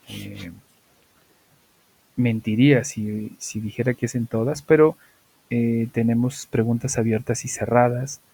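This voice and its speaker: Husky man teaching English. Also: medium pitch, a little mellow, low-quality recording. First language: Spanish. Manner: patient, explanatory, with fillers and self-corrections. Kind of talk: online class explanation.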